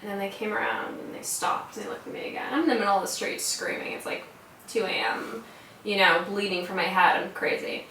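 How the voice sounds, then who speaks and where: Young American woman, casual storyteller, bright voice, salty filler-heavy delivery, roomy distant recording. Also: mid-range voice, fairly even intonation, fairly quick, a little hiss or hum. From United States. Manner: casual, swears freely, filler "like" throughout. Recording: roomy sound from a distant mic.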